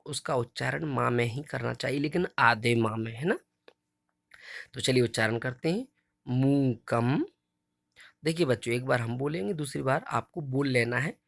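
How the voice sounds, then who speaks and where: A man's voice: medium pitch, creaky, fairly bright tone, no room sound, studio quality. A man teaching a Sanskrit lesson to children, reciting verses syllable by syllable and explaining patiently. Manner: slow, drawn-out recitation of each syllable.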